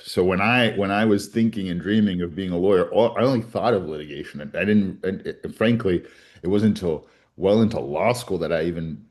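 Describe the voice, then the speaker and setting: With a low, slightly mellow voice, the defense attorney, a man in his forties raised in Colombia, recounts his story for an interview. He sounds earnest and reflective and restarts often.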